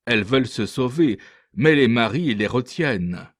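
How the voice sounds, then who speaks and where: A man's voice: mid-range voice, moderate pace, dry recording, studio quality, natural voice. A man voicing a boastful, scornful male ship's interpreter telling a mocking tale in a storybook reading. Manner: lively mocking anecdote-telling.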